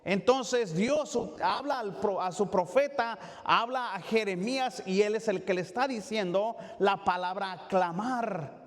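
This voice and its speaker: High-voiced pastor preaching in a reverberant church. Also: male voice. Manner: halting, with frequent fillers and restarts, asking "¿verdad?". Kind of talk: Bible study sermon. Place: church sanctuary.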